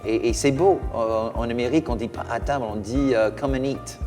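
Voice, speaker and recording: Fervent pastor in a reverberant hall. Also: male voice, mid-range voice, fairly quick, darkish tone. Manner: fervent, exclamatory, with many restarts. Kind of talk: preaching and leading communion prayer. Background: faint music.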